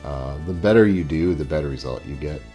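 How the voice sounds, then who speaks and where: A man's voice: rumbling low, expressive, fairly quick, warm tone. A man hosting a game playthrough with casual, offhand commentary. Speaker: gamer host. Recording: game music behind the voice.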